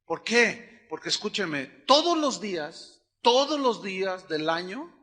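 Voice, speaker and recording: A middle-aged man preaching a sermon, acting out little dialogues and swinging from loud bursts to hushed asides. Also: high voice, sing-song, measured pace. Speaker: pastor.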